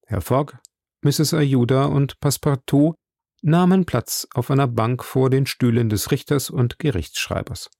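A man narrating a classic novel as an audiobook in slow, steady storytelling. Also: medium pitch, gravelly, no echo, studio quality.

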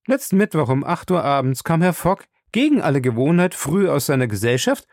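A man voicing an excitable, talkative young French manservant in a storybook reading, proud and quick to take offence. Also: on the high side, vocal fry, no echo, studio quality, voice pushed up. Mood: chatty. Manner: chatty, proud, indignant.

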